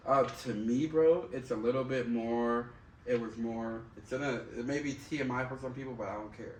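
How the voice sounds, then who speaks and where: A man's voice: mid-range voice, normal speed. A man chatting casually and candidly, swearing freely and repeating himself in slangy, conversational phrases. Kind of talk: casual chat. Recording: roomy, distant mic, faint background noise.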